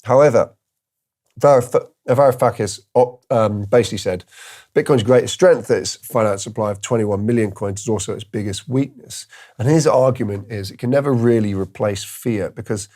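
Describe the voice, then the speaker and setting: A man's voice: lowish voice, moderate pace, a little mellow. A man hosting a crypto video, giving casual commentary and thinking aloud with fillers and restarts. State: tired, yawning.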